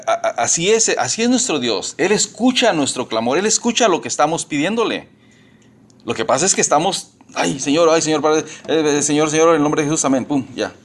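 A man preaching a sermon to his congregation in a folksy, repetitive way, with restarts and an uneven pace. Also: fairly high pitch. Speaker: pastor.

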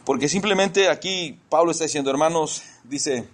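A man's voice: a little high, moderate pace. A man preaching a conversational sermon in church, often repeating words as he searches for the next one.

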